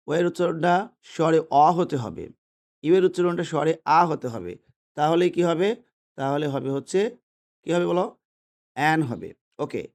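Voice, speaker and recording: Male teacher, slightly high pitch, patient explainer who quizzes and answers himself. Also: a little mellow. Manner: patient, repetitive, asks and answers his own questions. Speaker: English teacher. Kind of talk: explaining English grammar lesson. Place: indoors, holding a pen.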